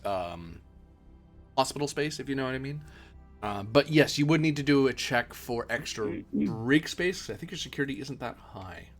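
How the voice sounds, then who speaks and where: A man running a tabletop role-playing game as game master, rambling and restarting often, trailing off quietly at the ends of his sentences. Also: mid-range voice.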